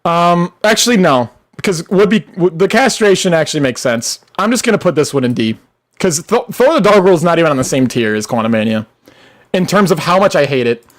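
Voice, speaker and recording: A young adult live streamer ranting with heavy swearing and sudden shouts, then reading chat, voice wearing out. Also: medium pitch, a little fast. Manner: profane, animated ranting, bursts into shouting. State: losing voice.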